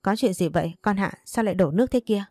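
A woman voicing an excitable older woman who is quick to blame. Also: mid-range voice, no echo, clean studio sound, natural voice. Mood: alarmed. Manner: rapid, accusing.

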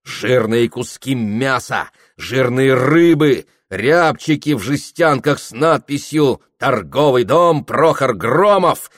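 A man's voice: medium pitch, lively intonation, takes it slowly, few pauses, no room sound, studio quality, pitched above the performer's own voice. A man reading an audiobook, voicing an awkward young man who boasts eagerly of his plans. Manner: eager, boastful, sometimes sulky.

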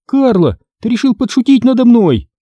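A shrill, bossy young girl from a spooky storybook, her voice pushed high and jumpy, as a man reads her lines. The tone is dark and husky, with a dry, close sound. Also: big pitch swings, measured pace, no room sound, heavily acted. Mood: alarmed. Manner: shrill, agitated shouting. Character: frightened bossy young girl, quick to panic.

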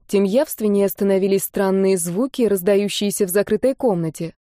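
Woman reading a fantasy audiobook, dark tone. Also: mid-range voice, no echo, clean studio sound. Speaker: audiobook narrator. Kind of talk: first-person fantasy audiobook narration.

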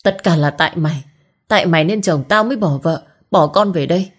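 A woman voicing a furious, jealous young village woman who spits out fast accusations in a storybook reading. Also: fairly low pitch, natural voice.

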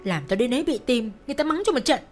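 A woman voicing a cruel, shrill middle-aged mother who screams insults in a storybook reading. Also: expressive, quick pace, faint music behind, lightly acted. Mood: screaming. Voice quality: shrill, sharp-tongued.

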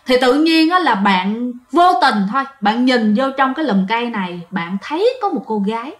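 A woman's voice: a little high, big pitch swings, moderate pace, reverberant. A woman narrating a ghost story in a chatty way, often speaking straight to her listeners. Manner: chatty, addresses listeners directly.

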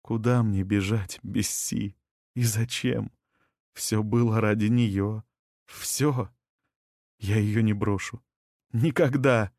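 A man's voice: mid-range voice, a little slow, darkish tone, dry recording, clean studio sound, lightly acted. A man reading an audiobook, voicing a grief-stricken young woman who sobs and pleads over her dying sister. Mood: numb grief. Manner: sobbing, pleading, desperate.

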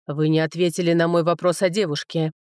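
A calm lordly dragon, as a woman reads him. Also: fairly low pitch, dry recording, clean studio sound, close to an everyday voice. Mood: demanding. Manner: measured, conciliatory.

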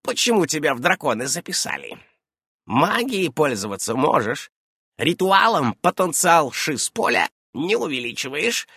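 A man voicing a fussy, brisk old female witch who keeps darting from question to question in an audiobook. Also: big pitch swings, pushed and bright, husky, no echo, clean studio sound, heavily acted. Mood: brisk, prying. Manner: shrill, darting, interrupting. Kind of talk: audiobook character voice.

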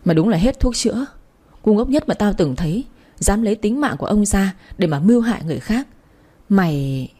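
A woman's voice: medium pitch, animated, brisk, natural voice. Woman voicing a furious old male elder. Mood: enraged. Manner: shouting, cursing. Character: furious old clan elder man, stern.

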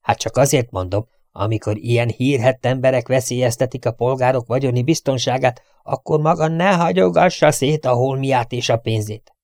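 A man's voice: medium pitch, darkish tone, dry recording, clean studio sound, natural voice. A man voicing a strict, nagging older housekeeper who scolds her absent-minded employer. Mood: scolding. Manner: scolding, prim and indignant.

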